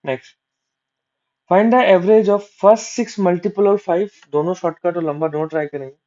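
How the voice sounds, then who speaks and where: A man's voice: high-pitched, fairly even intonation, measured pace, mellow. A man teaching an exam-prep maths lesson, working sums aloud, asking and answering his own questions, mixing terms in. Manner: works sums aloud step by step, asks and answers himself; mixes English maths terms into Hindi. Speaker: maths tutor. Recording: dull lo-fi recording.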